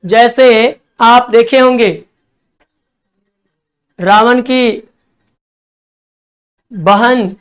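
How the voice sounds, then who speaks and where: Man, classroom English-vocab teacher, clear smooth voice, spells words out, coaxing. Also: very high-pitched, fairly even intonation. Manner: spells words letter by letter, coaxing students to write fast.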